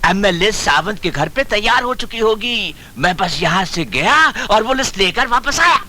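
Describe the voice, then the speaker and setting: An actor playing a sly, greedy political fixer in a Hindi film comedy, fawning theatrically. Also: male voice, high-pitched, lively intonation, normal speed, pushed and bright, heavily acted. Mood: boastful fawning.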